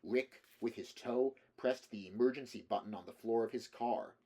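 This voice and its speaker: A man narrating a novel chapter aloud in a steady, even manner. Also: medium pitch, normal speed, slightly rough. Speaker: audiobook reader. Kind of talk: novel reading.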